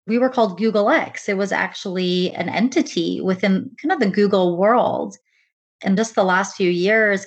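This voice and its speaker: A woman from the United States speaking in an interview about her work leading diversity and inclusion, earnest and measured, often saying "really" and "kind of.". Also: medium pitch. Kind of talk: conversational interview.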